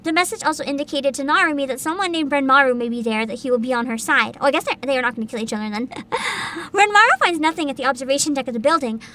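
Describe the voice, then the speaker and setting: She's a fast-talking young VTuber with a high, pushed, bright voice, casually chatting with her viewers on a livestream. Giggles come often as she reads game descriptions out loud.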